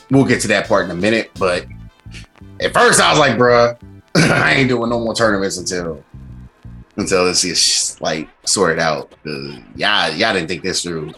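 Animated, slangy man ranting over background music. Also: mid-range voice. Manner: slangy, blunt, swears freely. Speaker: streamer host. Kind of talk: casual ranting commentary on gaming rules.

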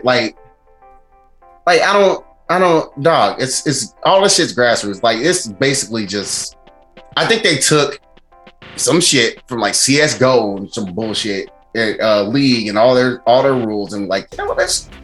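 A man's voice: mid-range voice, big pitch swings, a little slow, a bit bright, soft background music, low-quality recording. A man giving a casual, blunt streamer's commentary on gaming rules in loose slang, swearing freely. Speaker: streamer host.

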